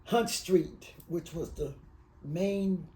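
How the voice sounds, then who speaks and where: Speaking in an oral history interview, this Alabama-born woman in her eighties who grew up in Detroit shares her life story, her words wandering and catching with feeling. Her voice is on the low side and warm, heard through a rough recording.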